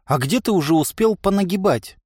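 Guy doing a quiet wry young dude, injured, short remarks, a bit high, dry sound. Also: animated, brisk, slightly rough, no room sound. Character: wounded young man, quiet companion. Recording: dry close studio sound.

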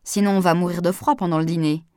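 A woman reading aloud, voicing a lively young woman with a playful, teasing manner. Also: lowish voice, quick pace, dry recording, clean studio sound, natural voice.

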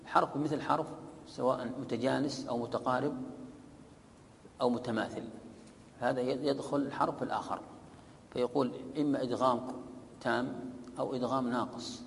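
A man with a gravelly, rough-edged voice teaches recitation rules in a long-reverb mosque hall. He reads from a text, then explains, drawing out each example word slowly and on repeat. A faint low rumble runs behind him. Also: fairly even intonation.

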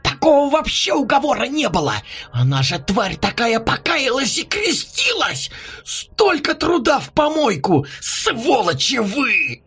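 A man's voice: high voice, wildly swooping pitch, moderate pace, bright, forceful tone, husky, faint music behind, full character voice. A man voicing a furious horned male demon who shrieks indignant accusations. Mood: indignant shrieking.

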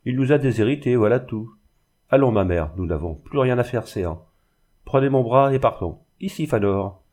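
A man's voice: medium pitch, animated, moderate pace, darkish tone, close to an everyday voice. A man doing a sneering boorish young man.

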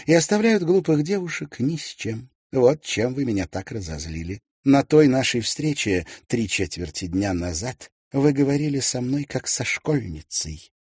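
A man voicing a spirited, quick-tongued young woman, lifting his voice high and lively. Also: husky, dry recording, studio quality. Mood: indignant. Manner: raised, lively, teasing.

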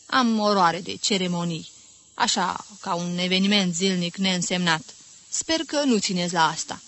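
A woman's voice: lowish voice, fairly bright tone. A woman reading an audiobook, voicing a formal, courteous young man asking for a marriage. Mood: earnest.

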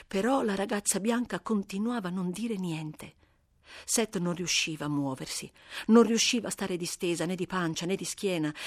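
Brief: female audiobook narrator, measured and expressive, mid-pitched, very dry close sound. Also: no room sound. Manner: measured, expressive, dramatic slowing. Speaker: audiobook reader. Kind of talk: scripted literary narration.

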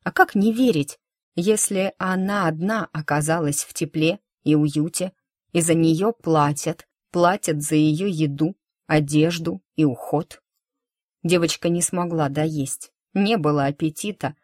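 A woman narrating a story with a steady, expressive reading. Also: low voice, a little slow, dry recording, studio quality.

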